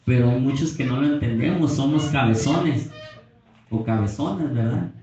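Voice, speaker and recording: A man preaching a Pentecostal sermon, emphatic, rising to near-shouting when he reads Scripture, recorded on a phone from the back of a church. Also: medium pitch, normal speed, muffled recording. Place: church hall. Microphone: phone camera at a distance. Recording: echoey church, phone from far off.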